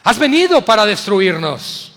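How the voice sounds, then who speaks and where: A man voicing a terrified male unclean spirit that cries out loudly, in a long church reverb. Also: high voice, sing-song, unhurried, pitched above the performer's own voice, heavily acted. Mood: frightened. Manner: loud, crying out.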